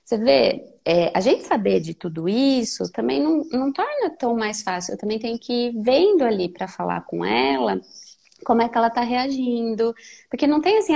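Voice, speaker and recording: Gravelly-voiced woman talking thoughtfully. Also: on the high side, expressive, fairly quick. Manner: thoughtful, gentle, many fillers. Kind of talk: reflective conversation.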